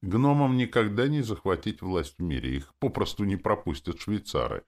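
A man reading an audiobook, voicing a calm, gruff male orc with a slow, low, rumbling delivery. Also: natural voice. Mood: glum. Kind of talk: audiobook character voice.

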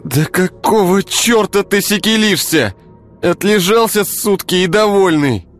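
A man voicing a brash young man who talks in a brisk, teasing way. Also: sits high, soft background music, voice pushed up. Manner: brisk, teasing, sometimes syrupy.

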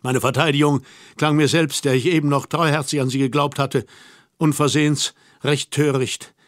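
A man narrating a literary audiobook in a measured, reflective first-person telling. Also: a little high, steady tone, no room sound, studio quality.

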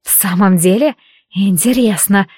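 Woman reading as young heroine, breathy, teasing, playful, fantasy audiobook, dry close sound. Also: mid-range voice, a little slow, darkish tone, no room sound. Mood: breathless teasing.

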